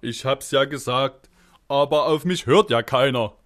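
A man's voice: medium pitch, unhurried, a bit bright, close to an everyday voice. A man voicing an insistent, tattling know-it-all friend in a children's puppet play.

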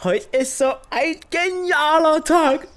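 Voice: high voice, takes it slowly, fairly bright tone. An actor voicing a jolly, scatterbrained friend who mishears things in a children's audio play. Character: giggly scatterbrained friend of the inspector.

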